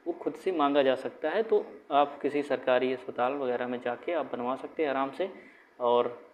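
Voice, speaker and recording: A man of ordinary pitch talks candidates through an exam process in a loose, conversational way. He repeats points and restarts phrases as he goes. The recording sounds muffled and lo-fi, with a faint background hiss. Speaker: exam guidance YouTuber. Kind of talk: casual explainer talk to camera. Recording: dull lo-fi sound with faint room noise.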